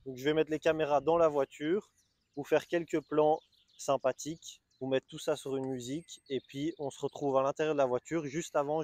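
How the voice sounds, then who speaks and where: Man, Belgian French accent, mellow warm tone, dry close sound, enthusiastic casual car walkaround. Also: on the high side, dry recording. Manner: enthusiastic, chatty, hesitant restarts. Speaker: car dealer presenting a car. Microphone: small camera-mounted mic.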